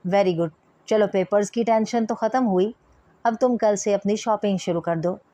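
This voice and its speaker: A woman's voice: mid-range voice, moderate pace, warm tone, no echo, close to an everyday voice. A woman reading the lines of a stern, domineering father who lays down the law to his daughter. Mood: matter-of-fact. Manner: authoritative, commanding.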